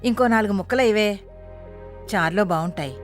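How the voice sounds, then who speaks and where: A woman's voice: medium pitch, fairly quick, over music, natural voice. An actress playing a middle-aged mother who speaks in a homely, matter-of-fact way, with a Telugu accent.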